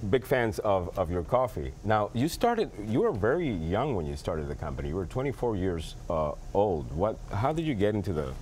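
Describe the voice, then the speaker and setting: Very deep-voiced man hosting a TV interview. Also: sing-song, moderate pace, few pauses, darkish tone, slight background noise. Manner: friendly, hesitant questions full of uh. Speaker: TV show host. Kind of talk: TV studio interview. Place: TV studio. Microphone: lapel.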